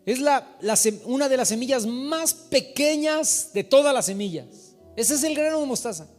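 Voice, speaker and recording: A man preaching a sermon as pastor, animated and calling his listeners brother. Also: very high-pitched, moderate pace. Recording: reverberant hall with soft music.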